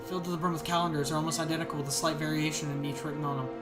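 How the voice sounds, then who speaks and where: A young man playing a game, reading notes aloud and stumbling over words as he thinks out loud. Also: fairly high pitch, flat delivery, rapid-fire, loud music behind the voice. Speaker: gamer. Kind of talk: let's play commentary.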